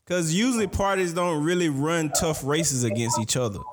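A man's voice: fairly high pitch, normal speed. Laid-back American man, faint noise behind. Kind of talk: casual political chat.

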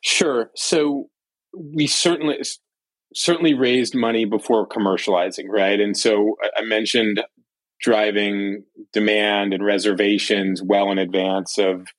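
A man with a fairly low voice explains business in a conversational, measured way as a panel guest. The sound is dry, with no room echo. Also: steady tone. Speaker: company executive, panel guest.

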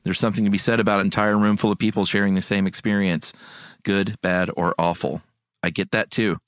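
Male host, low register, casual conversational delivery with some hesitation, dry studio sound. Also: steady tone, fairly quick, smooth, no echo. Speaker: podcast host. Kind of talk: casual chat and reading listener comments.

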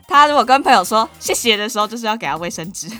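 A woman with a Taiwanese Mandarin accent co-hosting a casual podcast chat, animated, giggly and emphatic. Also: a little high, very fast, soft background music. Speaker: podcast co-host.

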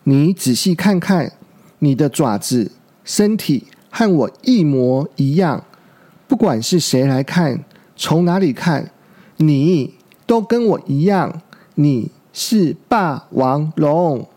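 Man voicing a menacing tyrannosaur, gravelly, sly and coaxing; storybook villain. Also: high-pitched, animated, measured pace, warm tone. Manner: sneering chuckle, coaxing.

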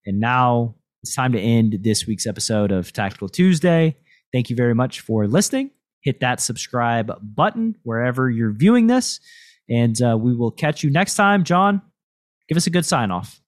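A man's voice: mid-range voice, big pitch swings, moderate pace, no room sound. A man hosting a podcast in a casual, explanatory, lightly teasing way, close on a podcast mic. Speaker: podcast host and poker coach.

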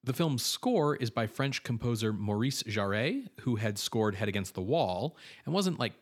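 On a film podcast, a male co-host with a medium-pitched, expressive voice speaks a little slowly. He goes through background notes about cast and crew in an informative way, sprinkling in asides and casual filler words.

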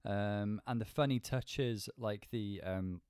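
A man with a lowish voice talks through a critique as a co-host, choosing his words in an articulate, measured way. The sound is close and dry. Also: a little mellow, clear, resonant tone, no room sound. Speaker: podcast co-host reviewing a TV show. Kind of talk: conversational critique.

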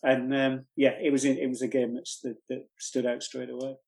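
Older man from North East England, regional TV presenter, casual rambling storyteller, mid-pitched. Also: little pitch movement, normal speed, creaky, a little mellow. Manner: rambling storyteller with many restarts. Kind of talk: casual podcast chat.

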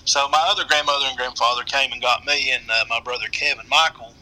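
A middle-aged man with an Appalachian accent, telling a story casually in a halting, rambling way. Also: medium pitch, fairly even intonation, sharp tone, low-quality recording. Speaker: guest storyteller.

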